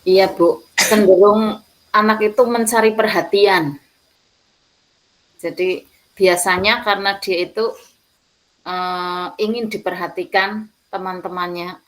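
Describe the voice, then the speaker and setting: A woman teacher, speaking slowly and hesitantly in a group discussion, with fillers and soft laughs. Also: medium pitch, fairly even intonation, rough recording.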